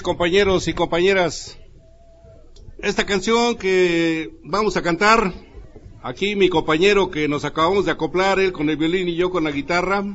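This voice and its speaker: High-pitched Mexican man addressing a gathering. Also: fairly bright tone. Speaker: guitarist introducing a song. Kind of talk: spontaneous speech to a gathering. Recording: dull lo-fi live recording.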